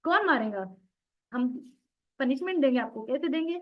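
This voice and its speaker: A woman's voice: high-pitched, animated, normal speed. A woman teaching an online recitation class, explaining patiently, asking the class questions and repeating sounds over and over for practice. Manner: asks the class questions then answers them. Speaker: Tajweed teacher. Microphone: video call. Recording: dull lo-fi online class audio.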